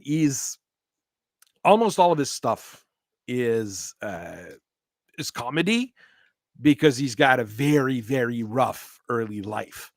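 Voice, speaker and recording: A man hosting a casual chat, talking in a rambling, halting way with frequent restarts. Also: mid-range voice, dry recording, clean studio sound. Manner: rambling, halting, laughs often. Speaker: host.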